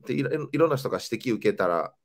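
A man's voice: mid-range voice, fast talker. A young man, a comedian chatting as host and telling stories with lots of animation. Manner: animated storytelling, voice jumping up and down. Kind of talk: casual chat.

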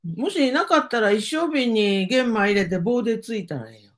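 A woman's voice: fairly high pitch, animated, normal speed. An older woman with a Kansai accent, chatting casually as the host's mother and giving easygoing, matter-of-fact advice. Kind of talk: casual chat.

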